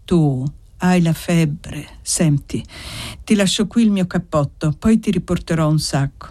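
A reader playing an old male family servant who speaks slowly, gently and in a pleading way. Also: medium pitch, lightly acted. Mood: grieving.

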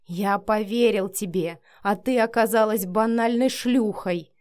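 A woman's voice: mid-range voice, measured pace, a little mellow, natural voice. Woman reading a harsh, scornful young guy, bossy and cold, story voice. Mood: angry. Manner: curt, commanding, sneering. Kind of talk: audiobook character reading.

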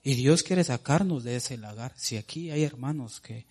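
A man preaching a sermon, emphatic and repetitive, often addressing listeners as brother, his voice sinking low and then rising to excited cries. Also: moderate pace, slightly rough. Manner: emphatic, repeats phrases and calls the listeners brother; pitch and loudness swing widely, dropping low then rising to excited cries.

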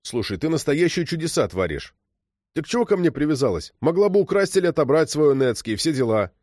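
A man voicing a gruff, short-tempered adult businessman who talks bluntly. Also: fairly high pitch, big pitch swings, fast, darkish tone, dry recording, clean studio sound, pitched above the performer's own voice. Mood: exasperated.

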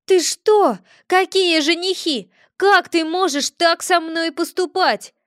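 A woman voicing a greedy, excitable male cat familiar who whines and protests loudly. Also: high-pitched, normal speed, no room sound, clean studio sound, pitched above the performer's own voice. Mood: indignant. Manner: whiny, indignant, loud.

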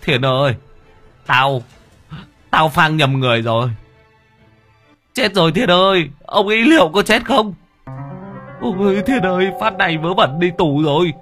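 A man's voice: mid-range voice, very animated, moderate pace, pauses often, fairly bright tone, faint music behind, pitched above the performer's own voice. A man voicing a cowardly, greedy older man in an audio story, stammering and flustered. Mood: panicked.

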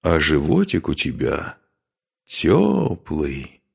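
A man's voice: mid-range voice, huge pitch swings, moderate pace, breathy edge, voice pushed up, full character voice. A man voicing a brash young male warrior who teases and grins his way through a quarrel. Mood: teasing. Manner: cocky, grinning and teasing.

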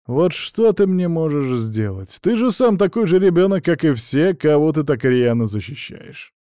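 A man's voice: medium pitch, animated, mellow, no room sound, studio quality, natural voice. A man putting on a sneering villain mage. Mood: mocking. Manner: sneering, drawn-out taunts. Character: arrogant mocking male battle mage, villain.

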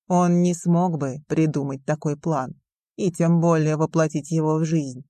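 A woman reading a cold, scheming young man in an audiobook, drawling with slow contempt. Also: low-pitched, dark tone, no echo. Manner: slow, cold, sneering delivery.

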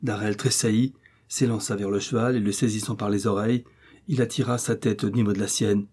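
Male audiobook narrator, steady measured reading, mellow husky voice. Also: on the low side. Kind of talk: scripted narration.

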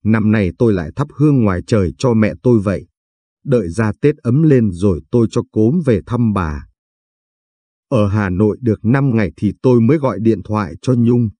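A man calmly narrating a first-person story in a steady reading voice. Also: on the low side, moderate pace, slightly rough, dry recording. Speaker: audiobook narrator.

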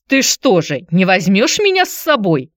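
A woman reading a story, voicing a worn-out, drunken ex-wife who pleads and shouts tearfully. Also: huge pitch swings, a little slow, no echo, studio quality. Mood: tearful clinging. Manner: shrill, pleading, tearful outbursts.

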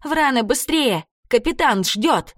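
A woman voicing a small, gentle sea ghost girl who speaks in a soothing, coaxing way. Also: sits high, lively intonation, takes it slowly, no room sound, studio quality, voice pushed up, exaggerated voice. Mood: urging.

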